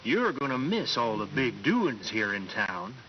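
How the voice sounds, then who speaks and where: A man's voice: medium pitch, sing-song, measured pace. A gossipy, folksy townsman from a video game. His voice moves up and down animatedly, and the audio is a little muffled. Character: folksy, gossipy small-town male character. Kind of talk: video game character acting.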